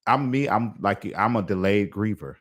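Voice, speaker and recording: A man's voice: fairly low pitch, lively intonation, normal speed. A man hosting a podcast interview, talking reflectively and at length, with frequent restarts and asides. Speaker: podcast host. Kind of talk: casual interview chat.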